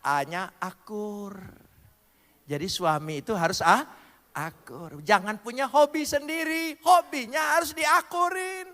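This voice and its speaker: A man's voice: very high voice, unhurried, pushed and bright. A male pastor gives a playful sermon to his congregation, joking and spelling out words. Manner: playful preaching with jokes and wordplay, addressing the congregation. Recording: long hall reverb.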